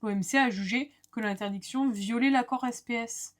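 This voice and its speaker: A woman lecturer explaining a law lesson step by step, with clear, structured delivery and small asides to the viewer. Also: fairly high pitch, normal speed.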